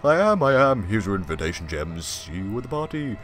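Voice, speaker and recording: A man voicing a grateful male ghost, with a drawn-out, wavering ghostly delivery during a game. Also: lowish voice, big pitch swings, over music. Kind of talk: Minecraft roleplay voice acting.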